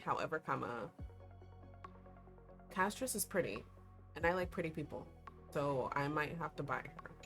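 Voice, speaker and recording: A young adult woman, a VTuber, chats rambling and filler-heavy during a casual livestream of a gacha game. Her low, slightly bright voice is hoarse and giving out. She uses a desk streaming mic, with game music in the background.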